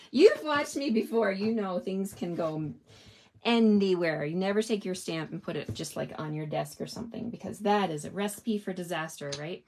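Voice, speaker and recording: Talk to the camera as a woman hosting a crafting lesson, friendly and upbeat, in a slightly low voice. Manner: chatty, upbeat, talks straight to viewers. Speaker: craft demonstrator. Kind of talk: live stamping tutorial.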